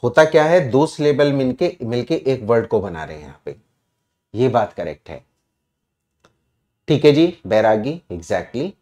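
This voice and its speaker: Male English teacher, Indian accent, slow, explanatory, quizzes the class. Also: medium pitch, expressive, darkish tone. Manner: explains answers step by step and quizzes students. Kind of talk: online exam-prep class.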